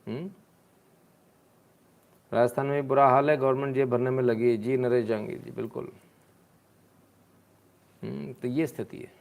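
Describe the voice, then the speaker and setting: A man's voice: medium pitch, fairly even intonation, normal speed, gravelly, pauses often, darkish tone. A man hosting a live stream, commenting sarcastically on video clips and answering viewers' comments in a mocking, scolding way.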